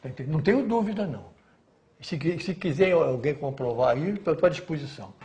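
An older man, a retired general, telling an anecdote in an interview with emphatic, animated delivery, often stammering and repeating words as he acts out the dialogue. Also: on the high side, fast talker, over music.

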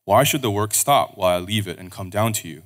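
A man reading scripture aloud at a pulpit microphone in a church service, steady and measured. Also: fairly low pitch.

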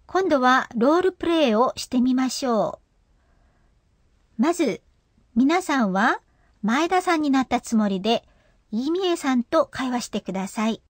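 A woman's voice: high-pitched, animated, a little slow, long pauses, dry recording, clean studio sound. A woman teaching a radio language lesson, explaining pronunciation in a patient way.

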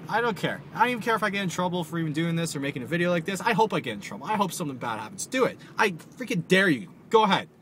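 A man's voice: on the high side, fairly bright tone. A man vlogging from his car, angry and swearing, repeating himself as he rants. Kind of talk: angry vlog rant. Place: in a vehicle, driving. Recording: noisy car recording. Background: vehicle noise.

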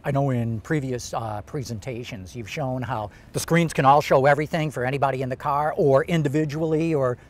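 A man's voice: medium pitch, fairly quick, hardly any pauses. Older male host interviewing outdoors. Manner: conversational interviewer. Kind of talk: on-camera interview. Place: outdoors beside a car. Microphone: lapel.

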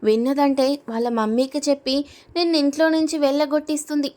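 A woman voicing a nosy middle-aged neighbor in a storybook reading, confiding in a low, careful way. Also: fast, a little mellow, close to an everyday voice.

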